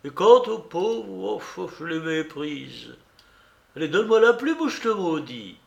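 A man doing a high, rasping dying old beggar. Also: sing-song, a little slow, reverberant, full character voice. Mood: ironic. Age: older. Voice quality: thin, rattling, failing voice. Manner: mocking and imperious. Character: dying old male beggar, sly and scornful. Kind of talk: audiobook character reading.

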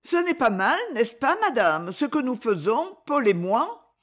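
A woman voicing a gentle, anxious young boy who pleads earnestly. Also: fairly high pitch, very animated, measured pace, pitched above the performer's own voice. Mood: worried.

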